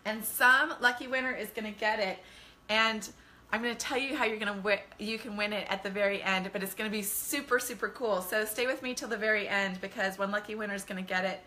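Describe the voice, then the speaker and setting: Brisk and sharp-toned, her mid-range voice holds steady as she chats with viewers on a casual livestream. She's a woman who writes children's books, hosting a bedtime-reading stream with gushing enthusiasm.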